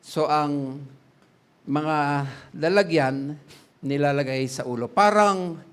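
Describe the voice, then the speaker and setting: A middle-aged male pastor from the Philippines gives a sermon in a notably high voice. He speaks slowly and deliberately, chats and laughs along the way, and keeps turning to the congregation with questions, mixing English into his talk. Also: fairly bright tone, clean tone. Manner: chatty, laughs often, quizzes the congregation, mixes English in.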